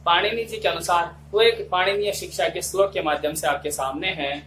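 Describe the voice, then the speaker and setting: A male Sanskrit teacher giving an online exam-prep lesson, explaining slowly and chanting verses syllable by syllable. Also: high voice, steady tone, fairly bright tone. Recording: echoey room, voice off-mic, faint hum.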